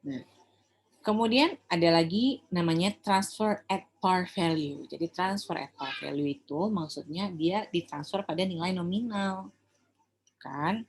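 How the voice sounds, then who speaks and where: With a lowish voice and a measured pace, an Indonesian-accented woman who lectures in accounting explains material informally and conversationally. She keeps checking comprehension through tag questions, and the recording carries a little hiss or hum.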